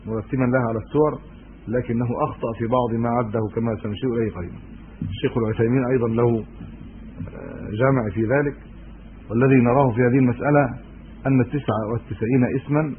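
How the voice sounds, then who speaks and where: A man teaching a religious lesson, steadily reciting long lists and adding scholarly asides with small self-corrections. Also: mid-range voice. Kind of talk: religious lecture, reading lists. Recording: tinny lo-fi phone-like recording with faint noise.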